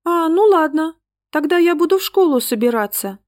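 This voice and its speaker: A woman reading a storybook voices a capricious little girl in a high childish tone. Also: expressive, normal speed, a little mellow, no echo, clean studio sound. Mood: calm.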